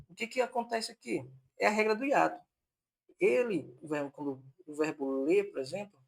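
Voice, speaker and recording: Male grammar teacher, fairly high voice with a husky edge, patient repeat-it-back explaining. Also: a little mellow. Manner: explanatory, repeats points on purpose to fix them. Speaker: Portuguese teacher. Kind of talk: online exam-prep lesson.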